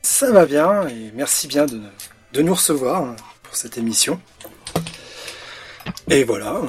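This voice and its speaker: A man chatting as a guest on a podcast, relaxed and joking. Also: medium pitch, measured pace, soft background music. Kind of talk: casual chat.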